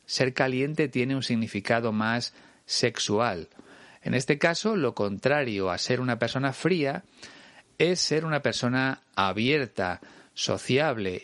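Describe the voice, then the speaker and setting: Addressing the listener directly, a Spain Spanish-accented male teacher works patiently and clearly through an explanatory language lesson. The middle-pitched voice comes across a bit bright, and the recording is dry and close, without room sound or echo.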